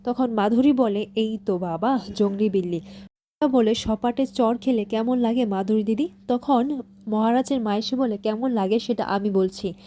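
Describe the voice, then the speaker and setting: A woman narrates an episode recap in a steady, scripted way, reading every character's lines in the same plain voice. Her voice sits a little high, with a mellow, soft-edged tone. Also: unhurried, slight background noise.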